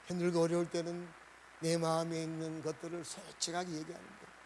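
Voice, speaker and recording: A man preaching a Sunday sermon as pastor, asking the congregation questions and swinging between loud and soft. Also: a little high, monotone, quick pace, a little hiss or hum, poor audio.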